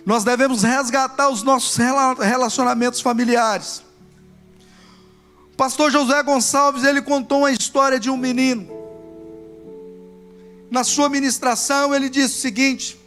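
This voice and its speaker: High-voiced Brazilian male preacher. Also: a bit bright. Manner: emphatic, repetitive preaching. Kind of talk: sermon storytelling. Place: church service.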